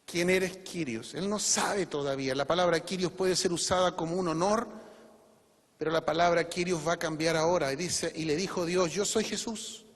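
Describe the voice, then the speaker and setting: A man's voice: a little high, fairly even intonation, a little fast. A male pastor preaching a sermon to his congregation, pressing home his points with rhetorical questions. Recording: long reverb of a church hall.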